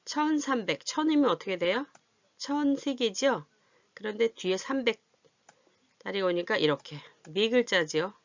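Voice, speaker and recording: A woman's voice: mid-range voice, lively intonation, no room sound. A woman teacher patiently explaining how to read and write large numbers, often asking whether her learners follow. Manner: patient, checks understanding with questions; drawn-out counting while writing. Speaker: adult literacy teacher. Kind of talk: classroom math lesson. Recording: dull, dry lo-fi recording.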